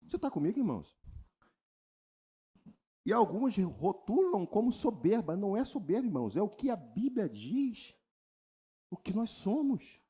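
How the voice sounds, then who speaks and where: A man's voice: a little slow, pauses often, husky. A Brazilian man preaching a sermon as pastor, calling on the congregation for responses and mimicking people's prayers. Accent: Brazilian Portuguese. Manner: animated preaching, mimics congregants in high voices, asks crowd for response. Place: church retreat service.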